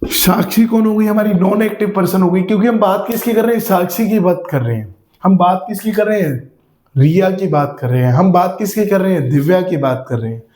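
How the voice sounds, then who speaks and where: Man teaching a class, high echoey voice. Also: brisk, a little mellow, a little hiss or hum. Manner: explains by asking questions and repeating examples. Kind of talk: classroom grammar lesson.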